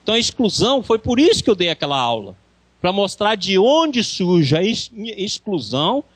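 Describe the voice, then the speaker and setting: A man's voice: sits high, very animated, moderate pace, no room sound. A man with a Brazilian accent giving a spiritual course lecture, emphatic and full of rhetorical questions. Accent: Brazilian Portuguese. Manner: emphatic, rhetorical questions, acts out quoted speech.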